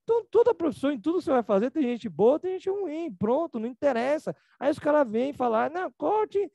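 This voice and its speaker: Slangy Brazilian man, high voice. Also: animated, fast, gravelly, dark tone, no room sound. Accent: Brazilian Portuguese. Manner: casual and slangy, mimics others in a higher voice. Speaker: emotional reprogramming teacher. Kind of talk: live online class. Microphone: video call.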